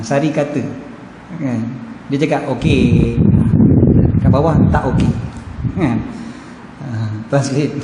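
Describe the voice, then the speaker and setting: A man's voice: a little high, background noise. A man with a Malaysian accent giving a mosque lecture as a religious teacher, joking and acting out the voices he quotes. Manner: humorous, acts out quoted voices. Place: mosque hall. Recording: echoey hall, background ambience.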